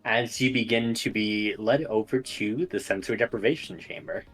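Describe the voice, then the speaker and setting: A man working as game master, improvising tabletop game narration in a halting way with pauses mid-sentence. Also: on the low side, fairly even intonation, fairly bright tone, faint music behind, rough recording.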